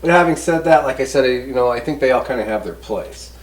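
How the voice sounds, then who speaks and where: This is a medium-pitched male host who talks fast and sounds animated while casually reviewing a product hands-on. His style is folksy, rambling and easygoing. There's room echo, a far-off microphone and background noise.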